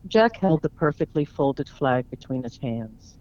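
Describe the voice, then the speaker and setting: A man's voice: mid-range voice, sing-song, a little slow, a little mellow. Man reading a short story aloud. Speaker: guest author. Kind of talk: spoken word story reading. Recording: dull lo-fi recording.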